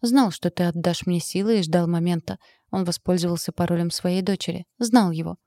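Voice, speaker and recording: A woman's voice: lowish voice, fairly quick, no room sound, studio quality, natural voice. A woman voicing a determined young woman healer in an audiobook, who speaks firmly and reassuringly. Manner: firm, forceful, reassuring.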